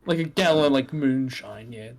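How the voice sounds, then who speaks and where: A man playing a tabletop game, joking in animated banter. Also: mid-range voice, moderate pace. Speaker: player.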